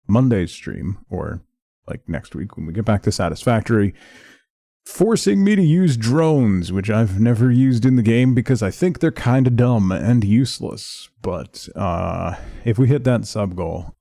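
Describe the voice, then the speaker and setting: A man with a low, creaky voice hosts a casual game stream. He sounds sedated and subdued, with a flat affect and a mellow tone, though his pitch still wanders up and down as he chats. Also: no echo, studio quality. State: heavily medicated, subdued. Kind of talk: casual livestream intro talk.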